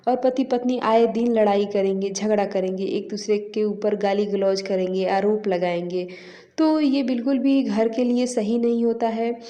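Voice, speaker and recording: A woman's voice: mid-range voice, steady tone, moderate pace, warm tone, muffled recording. A woman vlogger giving household advice to her viewers in a casual, instructive way, calling them friends.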